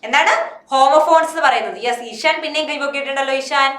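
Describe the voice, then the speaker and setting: A Malayali-accented woman teaches an online English class, putting a question to her students and then answering it herself. Her voice sits high and sounds bright. The room around her adds a noticeable echo. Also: fast talker.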